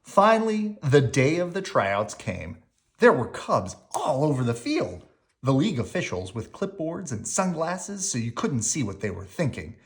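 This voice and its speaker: Someone reads a children's picture book aloud with expressive storytelling, using a mid-range voice at a measured pace.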